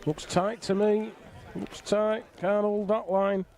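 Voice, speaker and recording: A middle-aged man commentates casually on bowls in a fairly high, soft-edged voice. He is bantering and jokey, chatting along between calls of the play. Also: level tone, slow pace. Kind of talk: casual live sports commentary. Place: outdoors on a flat roof in the rain.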